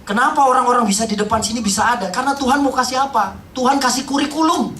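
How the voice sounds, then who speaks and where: A middle-aged man giving an emotional church testimony, speaking straight to the congregation and sometimes dropping to a hush. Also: very high voice, rapid-fire, slight background noise. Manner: impassioned, addresses the congregation directly, drops to hushed tones. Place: church hall. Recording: roomy hall, voice from far off.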